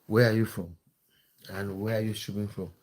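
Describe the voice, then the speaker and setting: A man from Cameroon, a live-stream host and football content creator, reads viewer comments during a casual stream in a friendly, chatty way with lots of fillers and restarts. His voice is on the low side, steady and darkish, at a moderate pace.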